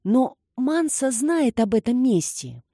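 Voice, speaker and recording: A woman's voice: big pitch swings, slow, mellow, husky, dry recording, studio quality, exaggerated voice. A woman playing a panicky, tearful young woman. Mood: frightened. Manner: high, pleading and panicky.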